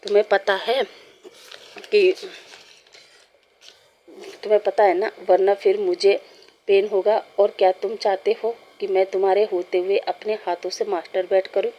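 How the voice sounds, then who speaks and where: A woman's voice: mid-range voice, little pitch movement, measured pace, long pauses, warm tone, close to an everyday voice. A woman reading as a pushy, teasing male lover. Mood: pleading, teasing. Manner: pleading, teasing and insistent.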